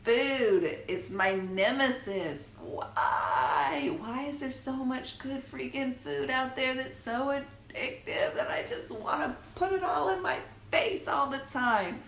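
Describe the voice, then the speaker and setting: A woman chatting casually to her viewers in an animated, playful, self-mocking way, with exaggerated exasperation. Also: sits high, takes it slowly, hardly any pauses. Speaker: vlogger giving a food and shopping talk. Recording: roomy echo, faint background noise.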